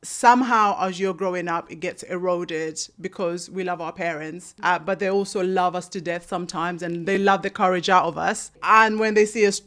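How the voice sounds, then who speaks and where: Animated Kenyan-born woman telling her story. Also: lowish voice, normal speed, few pauses. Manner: animated, emphatic storytelling with acted-out quotes. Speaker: author and guest. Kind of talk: conversational interview storytelling.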